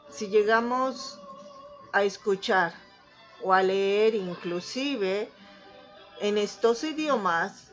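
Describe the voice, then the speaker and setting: A Mexican woman teaches an online class at an unhurried, deliberate pace, patiently checking that her students follow along. Her voice comes through dull and lo-fi, with faint music behind it. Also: medium pitch. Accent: Mexican Spanish. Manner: patient, checks understanding with frequent "¿sí?".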